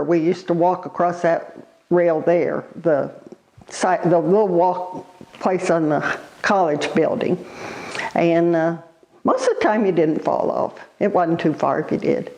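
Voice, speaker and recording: An elderly woman reminisces in an interview in a halting, unhurried way, pausing as she recalls. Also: fairly low pitch, darkish tone, dull audio. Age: elderly, born 1936. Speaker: oral history interviewee.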